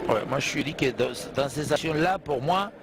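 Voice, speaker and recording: A man giving animated football co-commentary, emphatically analysing play and rephrasing his points with halting hesitations. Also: on the high side. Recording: clear background noise.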